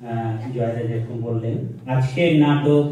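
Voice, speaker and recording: A man's voice: mid-range voice, measured pace, mellow. A man announcing a stage play and giving housekeeping notes in a hesitant way with many fillers, recorded from far off in a theatre hall.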